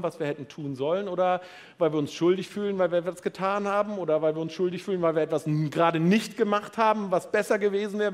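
Animated man preaching a sermon. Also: high-pitched. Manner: lively, playful, addresses the audience directly.

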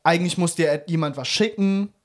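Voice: medium pitch, brisk. Young rambling casual storyteller. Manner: rambling storytelling, youth slang, fillers like "bla bla bla". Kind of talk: casual chat.

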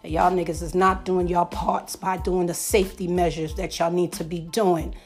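A woman's voice: on the low side, level tone, normal speed, soft background music. A middle-aged woman hosting a podcast, ranting emphatically in profane street slang. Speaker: podcast host.

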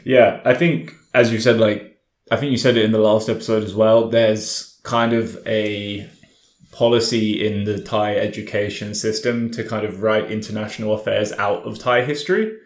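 A man's voice: fairly low pitch, steady tone, normal speed. A man hosting a casual history discussion, thinking aloud as he goes. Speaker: podcast host. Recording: echoey room.

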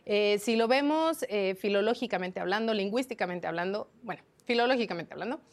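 A woman journalist from Mexico answering interview questions, explaining spelling rules in a lively, teaching way with many fillers. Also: mid-range voice, fairly quick. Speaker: journalist guest.

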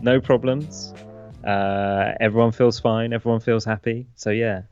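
A man's voice: fairly low pitch, fairly even intonation, a little slow, darkish tone, clear, resonant tone, dry recording, soft background music. A man with an English accent chatting casually as a podcast co-host, recorded a little dull on a remote call. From England. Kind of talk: casual chat. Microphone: remote video call.

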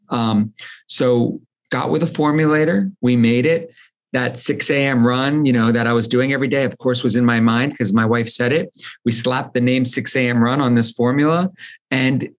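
A man in his forties, a company founder telling his story as a guest in a casual conversation, earnest and often repeating words as he starts a sentence. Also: medium pitch. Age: 40s.

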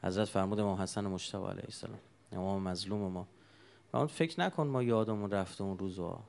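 A man's voice: low voice, gravelly, darkish tone. A man preaching a sermon, telling stories with emotion and asking the congregation rhetorical questions.

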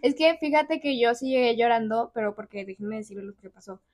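Young woman, Mexican accent, podcast co-host, animated storytelling, higher voice. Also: fairly quick. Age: young adult. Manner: animated storyteller who steers the talk. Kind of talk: casual chat.

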